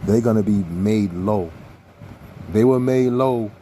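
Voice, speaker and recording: Low, mellow-voiced man preaching. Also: slow pace, slight background noise. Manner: earnest, emphatic, repeats key phrases. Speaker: scripture teacher. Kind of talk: sermon-style scripture teaching.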